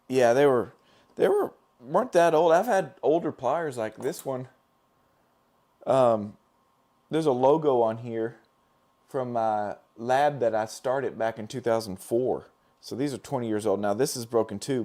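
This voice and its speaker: A middle-aged dental lab technician with a mid-range, dark, hoarse voice that is giving out runs a casual live stream. He talks to viewers as he works, rambling with filler words and restarts.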